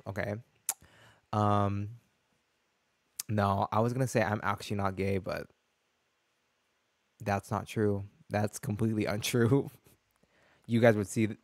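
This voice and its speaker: A young man chatting casually while streaming a game, animated and full of slang. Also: lowish voice, measured pace, pauses often. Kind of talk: casual gaming stream chat.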